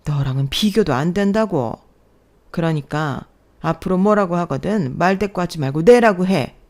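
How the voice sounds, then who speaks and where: A woman voicing a domineering middle-aged mother-in-law in an audio story, scolding sharply and loudly. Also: on the low side, animated, moderate pace.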